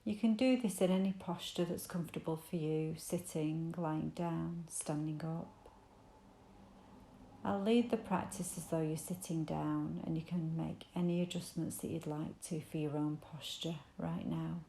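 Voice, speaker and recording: Gentle and soothing, a woman with a low, mellow, creaky voice leads a guided body scan meditation. She keeps her delivery very even and inviting, leaving unhurried pauses between phrases. The sound is roomy, with a little hiss or hum.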